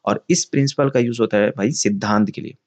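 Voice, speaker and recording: A man's voice: on the low side, quick pace, darkish tone. A man teaching English vocabulary in Hindi. He often asks a question and answers it himself, repeats key words, and calls his viewers friends.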